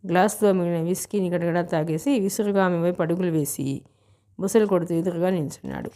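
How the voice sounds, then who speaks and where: Low, mellow-voiced woman narrating a novel. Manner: measured, steady reading. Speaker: audiobook narrator.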